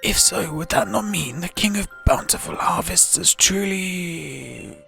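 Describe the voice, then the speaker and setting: A man's voice: high-pitched, a little slow, vocal fry, bright, forceful tone, heavily acted. A man voicing a polite, old-fashioned village mayor with formal, apologetic phrasing, over faint game music. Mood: courteous. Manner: formal, courteous, put-on British phrasing. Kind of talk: reading game dialogue aloud.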